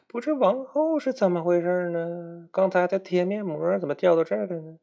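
Guy putting on a shrill crybaby sea demon lady, wailing, twang. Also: fairly quick, creaky, warm tone, dull audio. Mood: exasperated. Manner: wailing, gushing. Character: weepy female sea demon, clingy and emotional.

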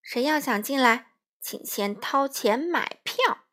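A woman's voice: a little high, expressive, normal speed, fairly bright tone. A woman voicing a smug, bossy male wolf who bullies and threatens. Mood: bossy sneering. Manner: sneering, threatening.

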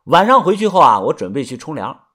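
Man, storyteller, chatty narration, very lively pitch, drawn-out particles. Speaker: audiobook narrator.

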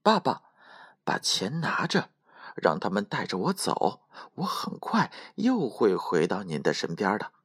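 A man's voice: medium pitch, wildly swooping pitch, unhurried, a bit bright, no room sound, pitched above the performer's own voice, heavily acted. A tiny, clever storybook boy speaks in a raised, playful voice full of teasing bounce, as a man puts him on. The voice swings widely in tune while the recording stays close and dry. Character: tiny thumb-sized boy, clever and cheeky.

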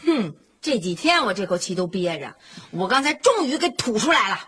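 A woman's voice: mid-range voice, fairly quick. A woman playing a brash, feisty wife in a family sitcom who talks boldly and sharply. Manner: bold, sharp-tongued, animated. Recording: noisy TV sitcom soundtrack.

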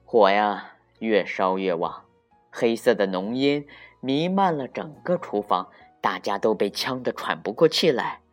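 Unhurried, animated reader of a kids' storybook, soft music underneath. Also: medium pitch. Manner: slow, expressive. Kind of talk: children's story narration.

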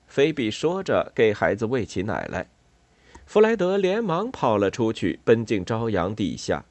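A man reads a children's story aloud in a calm storytelling voice. His pitch rises and falls with lively shape, and the recording is dry and close to the mic. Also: dry recording. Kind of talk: storybook narration.

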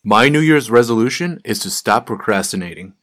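A man reading one part of a scripted English practice dialogue in an even, plain way. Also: mid-range voice, brisk, no echo, studio quality, natural voice. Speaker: dialogue speaker in a learning clip.

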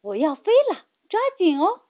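A woman's voice: high-pitched, big pitch swings, moderate pace. A woman voicing a proud, boastful flying fish leader in a children's storybook. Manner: boastful, hearty. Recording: tinny phone-like sound.

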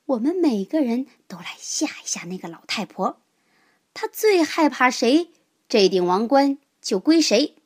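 Lady playing a sneaky bragging lion in a kids story, lively sing-song voice. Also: high-pitched, measured pace, pitched above the performer's own voice, full character voice. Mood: conspiratorial. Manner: hushed conspiratorial then boastful. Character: scheming male lion, boastful and sly.

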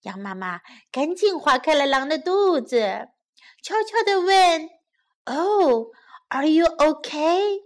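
Woman storyteller for kids, high animated delivery, unhurried. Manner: slow, expressive storytelling. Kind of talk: bilingual children's story narration.

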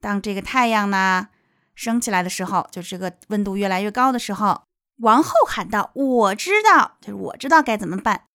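A young woman teacher explaining a picture book line by line, with lively rises in her voice. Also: medium pitch, a little fast, no echo, clean studio sound. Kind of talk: picture-book reading lesson.

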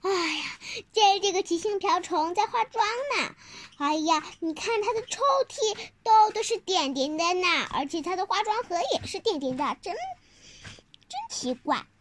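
A child telling a picture-book story informally, halting, repeating words and asking the listener questions. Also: very high-pitched, a little hiss or hum.

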